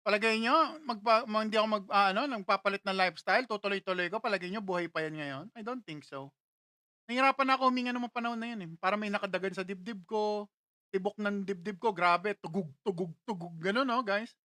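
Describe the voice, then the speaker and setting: A man's voice: high-pitched, quick pace, bright, forceful tone, no room sound, clean studio sound. A young Filipino man casually chatting on a livestream, reading out viewer comments and laughing often. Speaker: livestream host.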